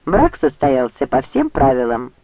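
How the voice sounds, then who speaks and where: A man's voice: mid-range voice, huge pitch swings, a little slow, no echo. A man reading an audiobook, voicing a proud, defiant young noblewoman in a cutting tone. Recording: dry, tinny phone-like sound.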